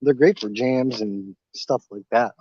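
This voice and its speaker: A man in his thirties walks around his garden with his phone, chatting loosely to viewers and munching fruit between sentences. The sound is dull and lo-fi with no room echo. His talk is relaxed and rambling. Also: medium pitch, unhurried, slightly rough. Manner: relaxed, rambling, chews fruit while talking. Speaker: gardening channel host. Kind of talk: casual live-stream chat. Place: outdoors in a home garden. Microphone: phone held in hand. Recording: dull lo-fi phone audio, dry.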